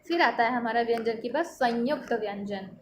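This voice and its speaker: A woman teaching a school grammar lesson, explaining slowly and stretching out sounds to demonstrate them, often checking in with her students. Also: on the high side, slight background noise.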